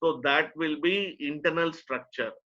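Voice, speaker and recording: Bright-voiced Indian man lecturing, muffled audio. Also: fairly high pitch, measured pace. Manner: repeats phrases for emphasis, simple step-by-step explaining. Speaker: teacher, lecturer. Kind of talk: online lecture to a nursing student.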